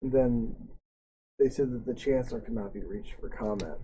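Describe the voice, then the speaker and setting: A man's voice: mid-range voice, steady tone, normal speed, dark tone, a little hiss or hum, low-quality recording. A man narrating as game master in a casual tabletop role-play session, cursing now and then. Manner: casual, swears freely while describing scenes.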